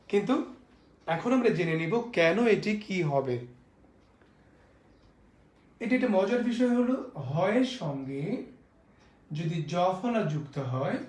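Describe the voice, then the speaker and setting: A male teacher from Bangladesh gives a spelling and pronunciation lecture with a fairly high voice. He repeats each rule, asks his class rhetorical questions and pronounces the example words slowly. The recording has a roomy echo. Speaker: college teacher. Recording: echoey room.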